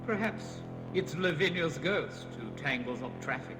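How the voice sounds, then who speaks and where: A male narrator performs scripted ghost tales with a spooky, theatrical flair. His fairly high voice shifts between hushed and urgent delivery. It rings in a long reverb, with loud music behind it. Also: expressive, unhurried. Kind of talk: dramatic scripted storytelling for a ghost tour record.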